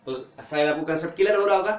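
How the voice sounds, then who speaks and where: A man teaching English pronunciation, asking questions and answering them himself, repeating each word slowly. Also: a little high. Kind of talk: classroom lesson. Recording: echoey room.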